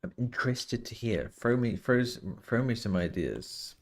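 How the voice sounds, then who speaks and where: A man streams a survival game, chatting with viewers and thinking out loud as he plays, a bit nasal and sniffly from a cold. It's casual gameplay commentary in a medium-pitched, animated voice at normal speed.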